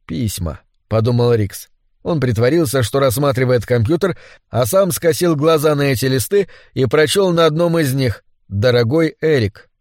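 A man's voice: mid-range voice, moderate pace, a little mellow, no echo. Male audiobook narrator, dry studio sound. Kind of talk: scripted narration.

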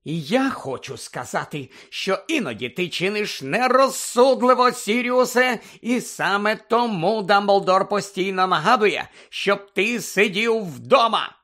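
Man doing a shrill middle-aged mother, scolding, high and loud, audiobook. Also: animated, unhurried, exaggerated voice. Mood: agitated. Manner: shrill, pleading, nearly shouting. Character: stern worried mother, middle-aged woman.

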